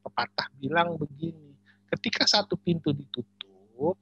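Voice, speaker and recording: Husky animated man, dull lo-fi sound. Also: on the high side, moderate pace, no room sound. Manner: animated, teasing. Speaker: church speaker. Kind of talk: joking discussion talk.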